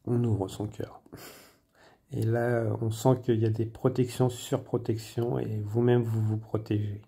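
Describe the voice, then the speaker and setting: A man working as a medium, giving a spontaneous general reading, hesitant with many fillers and pauses, sometimes dropping to a near-whisper. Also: on the low side, level tone, mellow, breathy edge. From France. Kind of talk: spontaneous spoken guidance.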